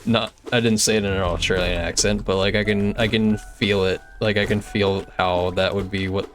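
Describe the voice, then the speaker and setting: Easygoing young man streaming, lower voice. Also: steady tone, normal speed, a bit bright, soft background music. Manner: chatty and easygoing, many filler "like"s. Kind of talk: casual gameplay commentary, reading chat.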